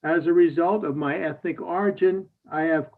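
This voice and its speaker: A man from Hungary, a state representative, giving measured, formal testimony to a committee over a video call. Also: a little high, steady tone. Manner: measured, formal, with small restarts. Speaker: state representative, bill sponsor. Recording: tinny phone-like audio.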